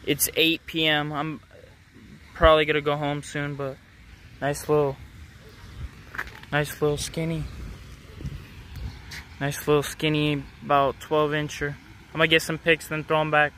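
Beside a city pond, a young fishing vlogger narrates his catches into a handheld phone, talking to viewers between them in a casual, upbeat way. His slightly high voice stays fairly flat, relaxed and offhand, unhurried with long pauses. Faint outdoor traffic noise runs underneath.

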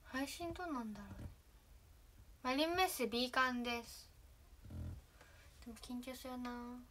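Young woman, fairly high voice, casual livestream chat, rambling, soft asides, faint hiss. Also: moderate pace. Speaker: idol trainee livestreaming.

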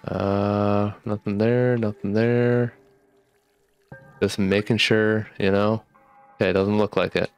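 Low-voiced young man wearing a retainer, slightly sick. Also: level tone, takes it slowly, creaky, pauses often, smooth. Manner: talking with retainers in his mouth, slightly off articulation. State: getting over a sickness with a cough. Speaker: gaming streamer. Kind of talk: casual let's play commentary. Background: game music.

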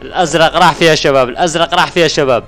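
A man with an Algerian Arabic accent hosting a game livestream, repeating phrases over and over and thanking viewers excitedly. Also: on the high side, rapid-fire, soft background music. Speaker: gaming livestream host. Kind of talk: live-stream game commentary, thanking viewers.

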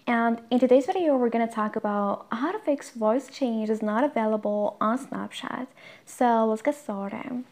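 A woman's voice: on the high side, normal speed, darkish tone, slight background noise. Woman walking through an app fix. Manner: plain instructional, talks through each tap. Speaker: tutorial host. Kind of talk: step-by-step app tutorial.

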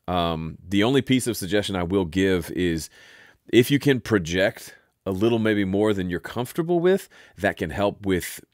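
A man with a deep, resonant voice hosting an audio software tutorial in a relaxed, chatty way. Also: no echo, clean studio sound. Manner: relaxed, chatty, self-interrupting. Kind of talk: casual spoken tutorial.

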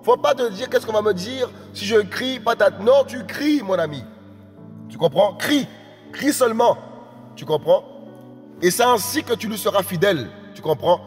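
A man preaching an evangelical sermon, often asking his listeners if they understand, dropping low and soft at phrase ends and rising to impassioned shouts. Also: animated, moderate pace, in a large hall, soft background music. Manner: repeats "tu comprends?" often, drops low and quiet at phrase ends; rises to impassioned high shouts, speaking in tongues.

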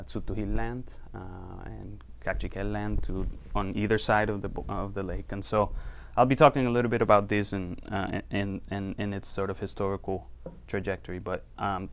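A man's voice: fairly low pitch, clean tone. A man from Costa Rica presenting his research to a small audience in a lecture room, loose and conversational with many fillers. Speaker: university researcher giving a talk.

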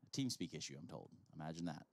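A man's voice: very deep voice, expressive, quick pace, vocal fry, no echo. Playful male esports caster. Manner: playful, joking, easygoing. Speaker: esports commentator. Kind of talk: casual broadcast banter.

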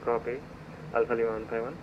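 A man working as a pilot, calling ground control over an aviation radio in a measured way with brief hesitations. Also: mid-range voice, flat delivery. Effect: heard over an aviation radio. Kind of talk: radio phraseology. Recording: dull radio audio with faint hiss.

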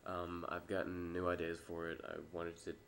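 A young man who is sick with a stuffy nose, giving a low-key, hesitant, rambling vlog update into a webcam. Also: monotone, moderate pace, a bit bright, slight background noise. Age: young adult. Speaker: vlogger and amateur filmmaker. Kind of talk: casual, unscripted update vlog. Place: small room indoors. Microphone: webcam or laptop mic at arm's length.

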